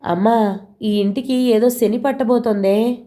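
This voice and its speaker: A woman voicing a sharp-tongued young sister-in-law who taunts and scorns in a storybook reading. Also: a little high, steady tone, unhurried, lightly acted. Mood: taunting.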